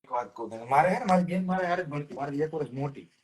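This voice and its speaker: A podcast co-host speaks very fast in a fairly high voice with a breathy edge. He recounts lively childhood anecdotes in casual chat, voicing other people's lines, especially his classmates'.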